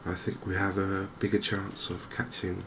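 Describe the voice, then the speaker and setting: This Englishman hosts a gaming channel, murmuring cozy ASMR commentary over gameplay. He speaks softly and gently at an unhurried pace, his very low voice staying even, while ambient noise is clearly audible behind him.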